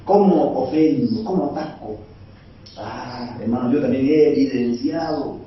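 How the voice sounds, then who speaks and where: This male preacher from Bolivia delivers a conversational sermon, posing rhetorical questions to the congregation. His mid-range voice is a little slow, and the recording sounds distant, echoey and dull, with slight background noise.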